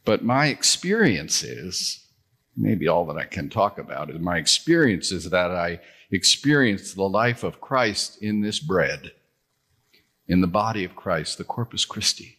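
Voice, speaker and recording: A man preaching a sermon in church, reflective and gently personal. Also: low voice, sing-song, unhurried, breathy edge. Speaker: pastor.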